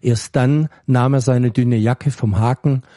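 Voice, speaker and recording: A man reading a story aloud with a calm, measured delivery. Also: mid-range voice, dry recording, clean studio sound. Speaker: story reader. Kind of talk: scripted narration.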